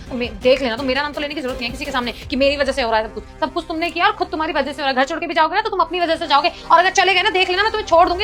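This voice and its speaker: A woman's voice: sits high, fairly bright tone. An actress playing a hot-tempered young wife who pleads with her husband and scolds him by turns. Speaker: wife in a short drama. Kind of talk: scripted domestic drama acting.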